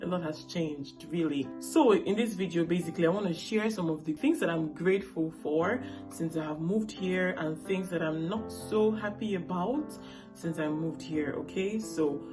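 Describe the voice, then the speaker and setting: Speaking at a normal pace with music playing behind her, this late-twenties woman has a lowish voice. She is from Nigeria, has a Nigerian accent, grew up speaking Igbo, and vlogs casually to camera, frequently checking in with viewers.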